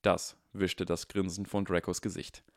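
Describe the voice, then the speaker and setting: A man narrates a story in an even, steady reading voice. His voice is deep, and the recording is close and completely dry. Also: measured pace, no room sound. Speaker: audiobook narrator. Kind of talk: scripted narration.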